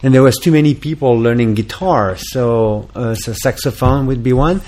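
A man's voice: medium pitch, moderate pace, darkish tone. A man from France with a French accent, a musician guest in a casual interview, talking hesitantly with many fillers and restarts.

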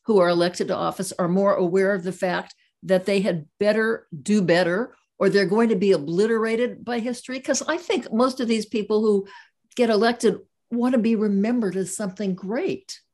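An older woman interviewing a guest, chatty and warm as she asks personal questions. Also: mid-range voice, normal speed. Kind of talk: conversational interview.

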